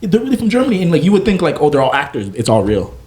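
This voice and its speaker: Animated young man telling stories. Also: fairly high pitch, racing. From Naples, Florida. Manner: animated storyteller, acts out quoted voices. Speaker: guest chef and food truck owner. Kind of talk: casual interview chat.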